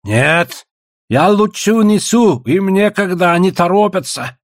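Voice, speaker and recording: A man's voice: high voice, expressive, unhurried, no echo, studio quality, pitched above the performer's own voice. A man voicing a sly one-eyed old hunter.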